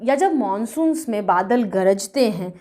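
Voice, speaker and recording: A woman teaching literature. She reads poem lines slowly and with emphasis, then explains them in conversational Hindi mixed with English. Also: medium pitch, animated, dark tone.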